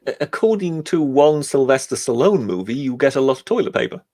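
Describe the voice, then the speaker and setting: British guy on a stream, dry wry humor, polite, average pitch. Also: lively intonation, fairly quick, dark tone. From Britain. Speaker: guest. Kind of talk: casual livestream chat.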